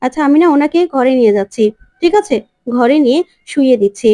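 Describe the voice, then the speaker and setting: A woman voicing a young wife who speaks calmly and earnestly to her in-laws. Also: high voice, brisk, dry recording. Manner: calm, earnest pleading. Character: steady, devoted young wife.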